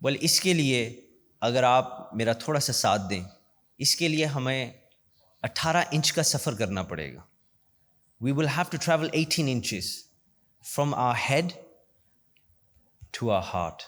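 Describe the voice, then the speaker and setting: A man giving an earnest inspirational speech as a guest speaker at a university, telling a story and slowing down for emphasis. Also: mid-range voice, lively intonation, a bit bright. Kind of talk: inspirational speech mixing in English. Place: large university hall. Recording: long hall reverb.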